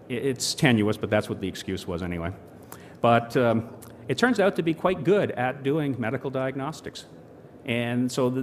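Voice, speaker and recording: A man giving a conference presentation, rambling with many fillers and restarts and dry asides. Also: fairly low pitch. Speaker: corporate presenter. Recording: long hall reverb, faint noise.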